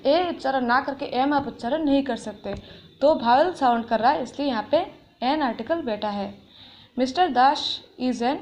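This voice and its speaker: High-voiced woman teaching grammar. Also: darkish tone, a little hiss or hum. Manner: explains patiently, reads English examples slowly. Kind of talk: explaining a grammar lesson.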